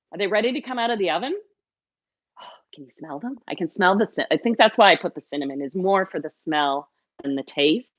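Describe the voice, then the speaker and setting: A woman's voice: on the low side, no room sound, highs cut off. A middle-aged woman hosting a live baking lesson, chatting and cheering on viewers as she works in her kitchen. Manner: chatty and encouraging, talks to viewers directly. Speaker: baking show host.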